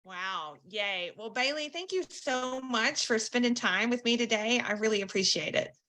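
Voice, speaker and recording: A woman's voice: on the high side, moderate pace, sharp tone. A woman hosting a casual interview podcast, encouraging and thinking aloud as she repeats her phrases. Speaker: podcast host.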